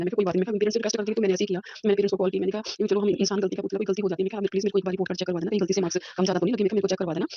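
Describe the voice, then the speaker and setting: Rapid, husky woman in her fifties. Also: mid-range voice, warm tone, no room sound, lo-fi sound. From Punjab, India. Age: 50s. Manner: earnest, repetitive, mixes in English words. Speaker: school teacher sharing a devotional testimony. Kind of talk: devotional testimony. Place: a room at home.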